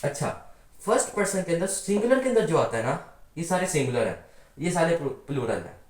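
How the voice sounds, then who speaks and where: A man with a slightly high, sing-song voice teaches a grammar lesson a little fast in a roomy-sounding space. He explains patiently, often posing rhetorical questions to the class and answering them himself.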